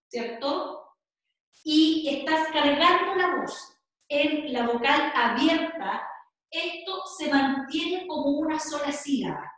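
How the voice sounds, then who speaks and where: Slow high-voiced Chilean woman teaching. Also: fairly bright tone. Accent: Chilean Spanish. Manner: explains patiently, adding "¿cierto?" and "¿ya?" to check in. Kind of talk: online class lecture. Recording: very echoey room.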